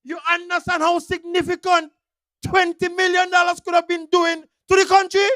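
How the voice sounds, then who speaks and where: Rally speech, Kittitian accent, rousing announcer, extremely high pitch, dry close sound. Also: level tone, normal speed, fairly bright tone, no echo. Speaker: rally MC introducing speakers.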